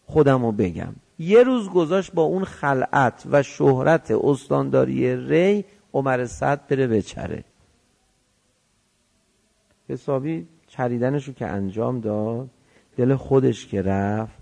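A man's voice: mid-range voice, gravelly, mellow. A man preaching in the form of a story, telling it vividly and acting out the dialogue in changing voices. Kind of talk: religious storytelling sermon.

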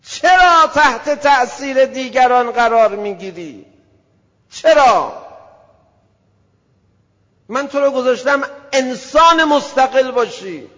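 A man's voice: very high voice, animated, pauses often, pushed and bright, pitched above the performer's own voice, exaggerated voice. A man voicing God as stern and commanding, scolding a listener, in an echoey hall on a dull, lo-fi recording.

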